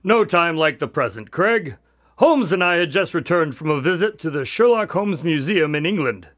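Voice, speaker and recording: A man's voice: fairly high pitch, lively intonation, normal speed, fairly bright tone, no echo, clean studio sound. A man playing a long-suffering doctor, a detective's loyal sidekick in a radio drama, grudging and dryly humorous. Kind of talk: scripted radio drama acting and narration.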